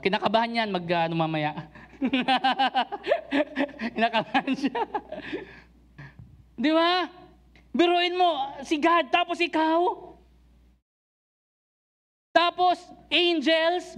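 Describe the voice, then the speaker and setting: A man with a very high voice delivers a church sermon in a mix of Tagalog and English. He talks dramatically, calls out to the congregation with constant rhetorical questions, and swings from loud urging down to low, intense emphasis. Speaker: preacher. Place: church service.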